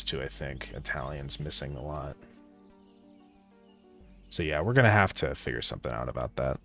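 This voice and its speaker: Low-voiced man chatting through a coding stream. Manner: relaxed, thinks aloud, answers chat with fillers. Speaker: indie game developer streaming. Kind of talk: casual live-stream chat while coding.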